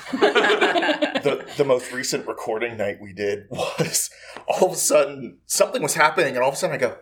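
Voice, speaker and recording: Studio chat: thirties man, bright, swinging voice, animated storyteller who laughs a lot. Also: mid-range voice, normal speed, slight background noise. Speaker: podcast cast member. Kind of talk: casual chat. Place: podcast studio.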